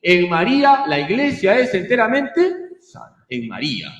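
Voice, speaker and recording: A man's voice: high voice, wildly swooping pitch, unhurried, fairly bright tone, reverberant, dull audio. A man, a priest, teaching a catechism class, emphatic and given to repeating key phrases. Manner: storytelling with acted quotes.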